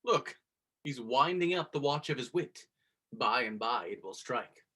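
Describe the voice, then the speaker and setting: A man's voice: mid-range voice, animated, unhurried, sharp tone, breathy edge, heavily acted. A man playing a blunt, mocking nobleman in a Shakespearean drama, with a dry, cutting delivery. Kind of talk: Shakespearean stage drama performance.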